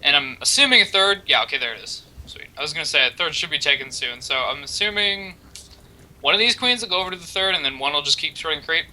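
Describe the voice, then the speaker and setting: A man's voice: fairly high pitch, lively intonation, quick pace, bright, forceful tone, low-quality recording. A man co-casting a video game match, upbeat and thinking aloud, often correcting himself mid-sentence. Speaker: esports co-caster. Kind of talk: casual game commentary.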